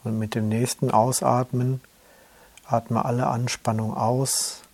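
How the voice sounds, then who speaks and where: A man slowly guiding a yoga nidra relaxation in a calm, soothing way. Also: medium pitch. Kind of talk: guided relaxation instructions.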